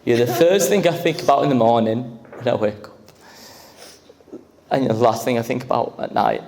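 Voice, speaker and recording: A man's voice: medium pitch, expressive, normal speed, darkish tone, long reverb tail, slight background noise. A young man giving his groom's speech at a wedding reception into a handheld microphone, nervous and emotional, often laughing through his words.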